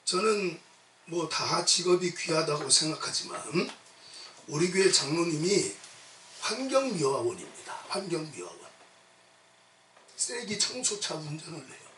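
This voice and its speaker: A man preaching a sermon with a fairly high voice. He presses each point with short, repeated urgings that draw replies from the listeners. The sound is roomy and distant, as if the mic sits well away from him in a large sanctuary. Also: very animated, a little slow, long pauses, a bit bright, a little hiss or hum. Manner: emphatic, repetitive exhortation with call-and-response. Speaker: pastor. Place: church sanctuary at a retreat. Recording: echoey hall, mic at a distance. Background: congregation answering amen.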